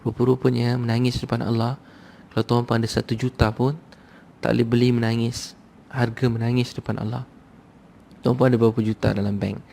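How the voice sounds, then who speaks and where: Male Malaysian preacher, gravelly voice, urges the crowd in a loose, repetitive sermon style. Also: medium pitch, little pitch movement, a little fast, long pauses, dark tone, a little hiss or hum. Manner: conversational, repetitive, urging the crowd. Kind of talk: sermon to a live audience.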